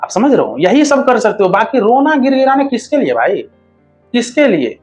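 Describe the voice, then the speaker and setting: A man's voice: extremely high pitch, sing-song, normal speed, darkish tone, soft background music. A man hosting a relationship advice talk, speaking bluntly and crudely, scolding viewers like a brother.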